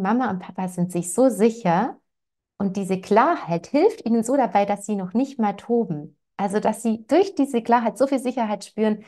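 A woman parenting coach answers parents' questions one after another in a mid-pitched voice. She talks in a direct, reassuring way and addresses the parents by name. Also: darkish tone.

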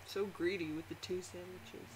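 A woman's voice: fairly low pitch, steady tone, moderate pace, a little hiss or hum, rough recording. A woman chatting with friends during a game, dropping short dry quips. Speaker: friend playing along. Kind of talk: casual gameplay chat.

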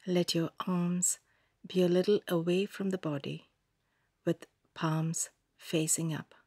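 Leading a scripted yoga nidra meditation, this woman speaks with a husky, fairly low and soft voice rich in breath. Her pace is very slow, her instructions calm and gentle with long pauses between phrases, and the recording is dry and studio quality.

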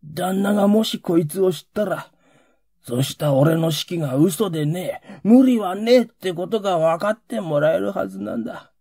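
A man voicing a rough, emotional working-class Edo man who pleads in coarse old Edo street speech. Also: high voice, moderate pace, mellow, dry recording, studio quality, voice pushed up, exaggerated voice. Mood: hushed.

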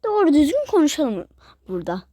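A woman's voice: sits high, huge pitch swings, brisk, mellow, dry recording, studio quality. A woman voicing a tired, impatient businessman hotel guest in a playful toy role-play, repeating himself insistently. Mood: exasperated.

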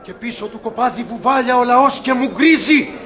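An actor playing a frightened monk who urgently reports an omen in an old radio drama. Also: male voice, extremely high pitch, crowd noise. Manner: urgent, excited. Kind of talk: classic radio drama acting. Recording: old archival radio recording.

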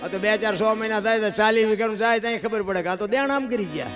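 A man's voice: high-pitched, fast talker, over music. A man with a Saurashtra Gujarati accent giving a devotional folk storytelling talk at a temple event, full of rhetorical questions and folksy asides.

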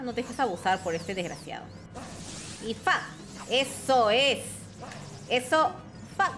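A woman commentating her own gameplay, excitable and foul-mouthed, cheering and shouting at the screen. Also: fairly high pitch. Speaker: gaming channel host. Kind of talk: let's-play commentary. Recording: game music playing under the voice.

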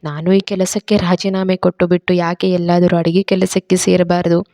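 Woman narrator voices a biting, sarcastic aging father; low, mellow tone. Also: little pitch movement, moderate pace, dry recording, natural voice. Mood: bitter.

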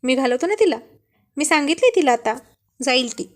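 A woman voicing a playful young husband who calmly teases his wife in a light, joking tone. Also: sits high, moderate pace. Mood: teasing. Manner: light teasing tone.

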